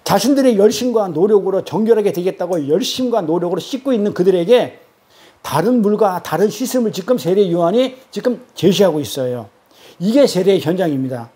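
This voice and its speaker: A man's voice: sits high, lively intonation, a little fast, dark tone. A male pastor preaching a sermon in a conversational, emphatic way, firing off rhetorical questions. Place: church.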